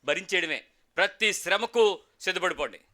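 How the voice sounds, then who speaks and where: Pastor, male, high-pitched, piercing tone; emphatic preaching with rhetorical questions. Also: lively intonation, moderate pace, pushed and bright. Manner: emphatic, call-and-response with the congregation. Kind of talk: sermon.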